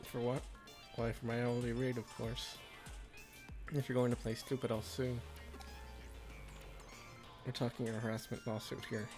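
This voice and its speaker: A man's voice: mid-range voice, level tone, moderate pace, pauses often, close to an everyday voice. A man reading as a sassy, indignant cafe girl over music. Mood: sly, threatening. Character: sassy, indignant young woman cafe employee in a video game.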